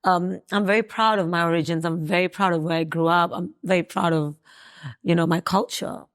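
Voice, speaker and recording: A woman's voice: lowish voice, fairly even intonation, a little fast. A woman in her thirties from South Africa, talking casually as an interview guest, hesitant with many fillers and restarts.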